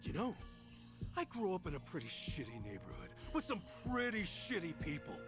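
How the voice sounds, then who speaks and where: An actor playing a brash, hot-headed former gangster in a video game cutscene, blunt and defiant, with game music behind. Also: male voice, high-pitched, wildly swooping pitch, normal speed. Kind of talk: game dialogue acting. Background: game music score.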